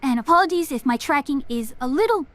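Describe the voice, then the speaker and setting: A woman's voice: high voice, lively intonation, fast talker, fairly bright tone. A woman livestreaming a game in a cute anime-streamer manner, chatting casually as a witch persona. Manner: reads titles aloud and murmurs reactions to them. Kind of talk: casual livestream chat while playing.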